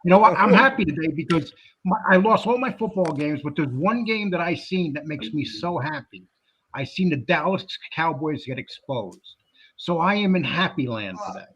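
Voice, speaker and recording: A man's voice: a little high, animated, normal speed, fairly bright tone, breathy edge. A man chatting casually as a guest who has joined a livestream. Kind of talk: casual chat. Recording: dull, lo-fi call audio.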